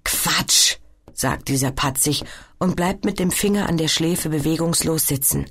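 A woman narrating a children's audiobook in a lively, expressive way. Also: deep voice, normal speed, a little hiss or hum.

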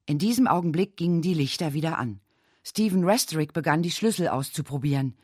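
A woman reading a mystery novel aloud as an audiobook narrator, in a dramatic, expressive way. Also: low voice, brisk, husky, no echo, clean studio sound.

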